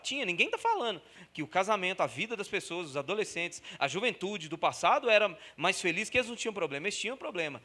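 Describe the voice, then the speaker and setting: A man preaching a sermon with a high, bright voice. He is animated, repeats key phrases for emphasis and slips into quoted voices to act out everyday scenes. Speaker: pastor.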